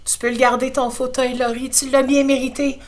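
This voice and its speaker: A woman's voice: high-pitched, little pitch movement, a little fast, a little hiss or hum, pitched above the performer's own voice, lightly acted. Woman voicing a father, firm, matter-of-fact, Quebec accent. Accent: Quebec French. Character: decisive father of the family.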